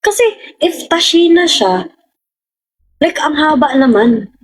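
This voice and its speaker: A young woman with a Filipino accent hosts a livestream, speaking slowly in a high voice with lively intonation. She chats casually and rambles while answering viewers' comments, on a rough recording with a little hiss or hum.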